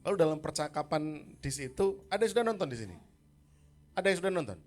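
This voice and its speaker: A man's voice: on the high side, big pitch swings, fast talker, a little mellow. A man preaching a sermon at a church service, talking casually with the congregation and calling on people by name. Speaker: pastor. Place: church service in a hotel hall.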